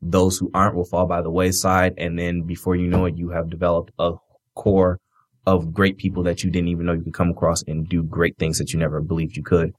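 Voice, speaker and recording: Man, low steady monotone, earnest guest giving a pep talk, dry close mic. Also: a little fast, no room sound. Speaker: wrestler guest. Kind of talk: motivational closing words.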